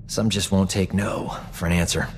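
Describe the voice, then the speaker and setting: Actor as cocky, low-voiced space doctor, reverberant. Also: male voice, fairly even intonation, moderate pace, a little hiss or hum, natural voice. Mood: smug. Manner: smug, flirtatious, self-assured banter. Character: cocky, flirtatious male frontier doctor, smooth-talking adventurer. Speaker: video game companion character. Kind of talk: video game voice acting. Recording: long hall reverb, game music underneath.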